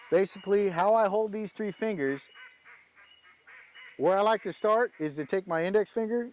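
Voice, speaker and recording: A man's voice: high voice, a little mellow. A man giving a casual, folksy hands-on lesson as a goose calling instructor.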